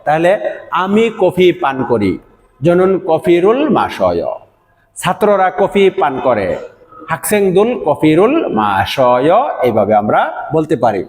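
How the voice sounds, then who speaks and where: A man teaching a vocabulary lesson, slowly repeating each word for the listener to say after him. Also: fairly high pitch, very animated, darkish tone. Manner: slow drilled repetition of words. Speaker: language teacher. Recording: echoey room with long reverb.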